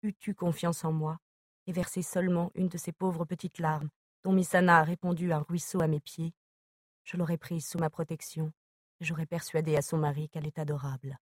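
A woman reading a novel aloud as narrator, in a measured, even manner. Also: deep voice, no echo, studio quality. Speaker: audiobook narrator.

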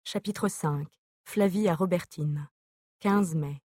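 Low-voiced woman reading letters aloud. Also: takes it slowly, a little mellow, dry recording, studio quality. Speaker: audiobook reader. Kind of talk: reading an epistolary novel aloud.

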